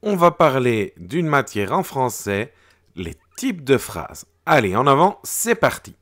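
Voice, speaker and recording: A man teaching a French grammar lesson to children, explaining slowly and clearly and acting out the intonation of his example sentences. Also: medium pitch, big pitch swings, fairly bright tone.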